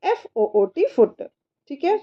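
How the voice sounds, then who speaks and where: A woman's voice: very high-pitched, big pitch swings, slow pace, muffled recording. A woman teaching her child English body words, patiently repeating each word and spelling it letter by letter. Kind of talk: slow spelling lesson.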